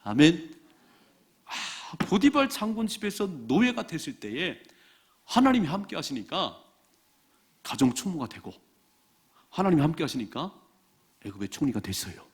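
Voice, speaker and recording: A man preaching a sermon as pastor at a church service, emphatic, repeating key phrases and reading scripture slowly. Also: fairly high pitch, big pitch swings, slightly rough.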